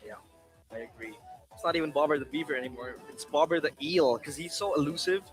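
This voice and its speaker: A man's voice: on the high side, fast, faint music behind, rough recording. A young man working as an esports caster on a live analysis desk, talking through plays and joking with his co-hosts. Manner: playful, jokey banter.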